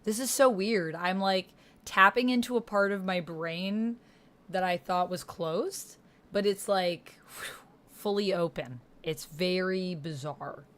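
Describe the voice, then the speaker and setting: Speaking slowly in a lowish voice, a woman hosts a text-based roleplaying game. She keeps up a casual, expressive, slang-filled chat as she plays along with the typed roleplay.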